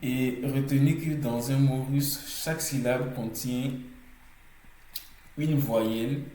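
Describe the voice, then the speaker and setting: In a French language lesson, a man explains pronunciation rules step by step, hesitating often and repeating words as drills. He speaks slowly at a medium pitch with fairly even intonation and a dark tone, on a rough, reverberant recording.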